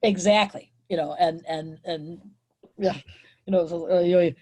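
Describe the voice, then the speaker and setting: A woman's voice: fairly low pitch, steady tone, normal speed, darkish tone. A woman teacher leading a group reading and discussion in a chatty, apologetic way, with many fillers. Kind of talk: casual class discussion.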